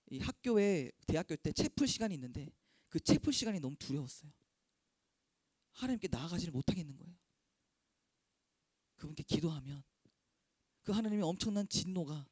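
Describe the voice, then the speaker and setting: A young man preaching as a youth pastor, with earnest, repetitive phrasing that swings between hushed and loud. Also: fairly high pitch, no room sound, clean studio sound. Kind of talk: sermon.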